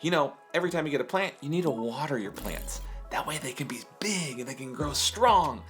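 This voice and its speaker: Excitable kids' party magician man, swooping pitch. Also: brisk, faint music behind. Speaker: host of a children's science show. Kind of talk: children's science show presenting. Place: kitchen indoors.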